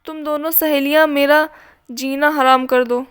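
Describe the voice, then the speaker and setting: A woman voicing a bossy, teasing young male police officer in a storybook reading, talking in a gruff, bickering way. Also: high-pitched, fairly even intonation, a little slow, fairly bright tone. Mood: exasperated.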